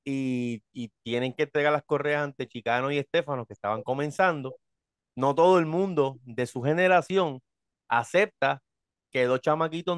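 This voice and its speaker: A man, a professional wrestler, telling animated stories in casual chat and acting out voices. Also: medium pitch, clear, resonant tone, dry recording, studio quality. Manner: animated storyteller, acts out voices, says brother.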